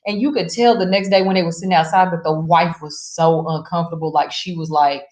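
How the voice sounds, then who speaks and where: A woman co-hosting a casual talk show who tells stories with animated emphasis. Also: a little fast. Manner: animated, jumps high in pitch when emphatic. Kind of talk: casual storytelling chat. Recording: roomy echo.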